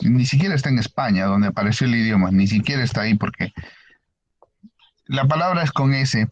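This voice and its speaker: A man's voice: mid-range voice, no echo. Brief: male teacher giving an online lecture, explaining patiently and quizzing the class, with muffled lo-fi audio. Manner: explanatory, asks the class frequent questions.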